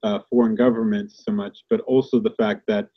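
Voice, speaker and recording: A man in a casual online debate whose call audio keeps glitching and cutting out, and who talks haltingly and restarts his phrases. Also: lowish voice, steady tone. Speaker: call participant. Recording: dull, lo-fi call audio with dropouts.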